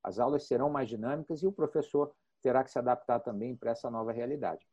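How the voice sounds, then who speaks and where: A man, speaking as a guest in a panel discussion on education, explaining in a measured way. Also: medium pitch, warm tone, breathy edge, highs cut off.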